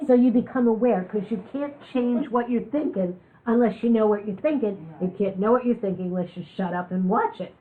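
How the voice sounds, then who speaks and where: A woman's voice: fairly high pitch, a little fast, hardly any pauses. Woman speaking through a thin, phone-like recording. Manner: candid, joking storyteller. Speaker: speaker giving a talk on chronic illness. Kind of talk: public talk with personal stories.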